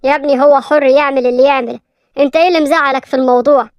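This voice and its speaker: A woman doing a young Egyptian man who ribs his angry friend and tells him to calm down. The voice is high and fast, recorded close and dry for a cartoon story. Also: no echo, muffled recording, lightly acted. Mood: teasing. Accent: Egyptian Arabic. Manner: joking, calming. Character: teasing young male friend and partner.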